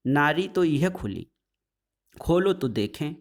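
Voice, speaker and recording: A man putting on a shrill, spiteful old aunty. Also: lively intonation, slow. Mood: taunting. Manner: scolding, dialect-heavy taunting. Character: quarrelsome older woman neighbour, spiteful and shrill.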